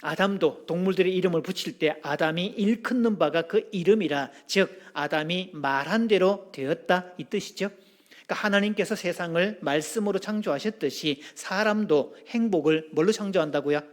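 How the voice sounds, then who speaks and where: A pastor preaches in a high, bright-pitched voice. He keeps the sermon lively and humorous, and he throws questions out to the congregation as he goes. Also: normal speed. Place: church sanctuary.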